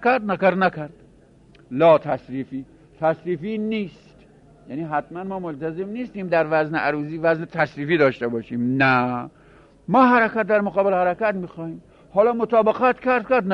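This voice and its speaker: A man teaching a grammar lesson in a measured classroom lecture, repeating phrases and posing rhetorical questions he then answers. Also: high-pitched. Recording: dull lo-fi recording.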